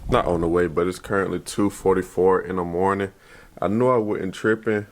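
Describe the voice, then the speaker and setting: A young man vlogging casually to his phone camera, rambling loosely with slangy speech and thinking out loud as he corrects himself. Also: low voice, steady tone, normal speed, a little hiss or hum. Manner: laid-back slangy speech. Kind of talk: casual vlog talk to camera. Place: at home, then in a car before dawn.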